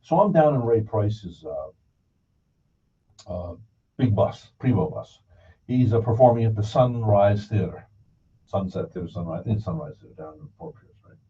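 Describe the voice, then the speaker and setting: A broadcast show host in casual conversation rambles through folksy stories, acting out what others said. His fairly low, dark voice is animated but unhurried, pausing often, and the recording is dull with a distant mic and faint noise.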